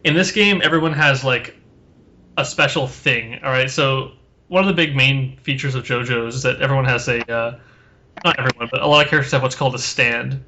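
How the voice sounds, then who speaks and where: A man's voice: mid-range voice, brisk, pushed and bright, dull audio. A tired man co-hosting a casual podcast, rambling with lots of fillers and self-deprecating jokes. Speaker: podcast co-host.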